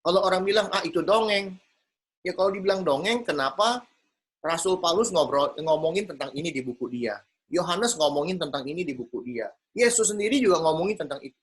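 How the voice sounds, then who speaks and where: A man's voice: on the high side, quick pace. A man leading an informal Bible study lesson, telling stories, acting out conversations and asking rhetorical questions, recorded on a mobile phone. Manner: lively storytelling, acts out dialogues and asks rhetorical questions. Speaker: Bible teacher. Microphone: mobile phone stuck to a glass pane.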